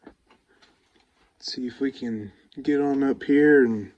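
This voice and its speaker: A young man narrating a casual exploring vlog walk-through in an unhurried, musing, plain-spoken way. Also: medium pitch, a little mellow, muffled recording. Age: 20s or younger.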